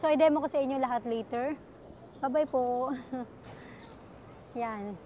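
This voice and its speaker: A woman's voice: sits high, takes it slowly, noisy background. A woman working as a used car salesperson, chatting casually through a car walkaround vlog at a dealership lot and calling her viewers "guys" again and again. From Philippines. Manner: chatty, full of fillers, keeps addressing viewers as guys.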